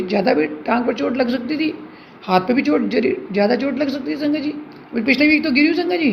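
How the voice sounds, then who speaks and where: A middle-aged woman with a fairly high voice and vocal fry gives an earnest devotional testimony, speaking to her listeners again and again. The recording is dull and lo-fi, with a faint hiss.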